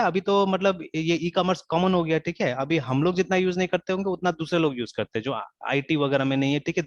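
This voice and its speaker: This man teaches an informal online coding class in a voice on the high side, weaving in English and checking in with "theek hai" all the time. The audio has no echo and sounds dull, dry and lo-fi.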